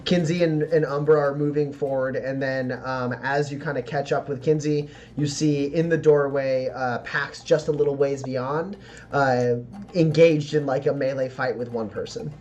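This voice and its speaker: A man running a tabletop game as game master, improvising narration in a halting, informal way. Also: medium pitch, steady tone, darkish tone, dull audio. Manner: halting, laughs readily.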